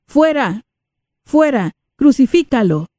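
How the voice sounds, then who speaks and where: A woman's voice: fairly high pitch, big pitch swings, unhurried, warm tone, dry recording, clean studio sound, pitched above the performer's own voice. A woman voicing an angry, demanding crowd. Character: angry shouting crowd of accusers.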